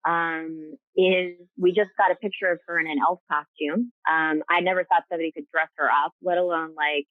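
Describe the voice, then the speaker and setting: A woman's voice: on the low side, fairly even intonation, moderate pace, dry recording. A woman guest on a video call, talking earnestly with many fillers and restarts. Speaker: guest, rescue co-founder. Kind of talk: casual video-call interview. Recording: tinny phone-like call audio.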